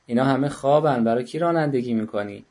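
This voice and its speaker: A man's voice: medium pitch, a little mellow. A man teaching an online parenting workshop, coaxing and joking with participants as he calls on them by name. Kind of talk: online class lecture.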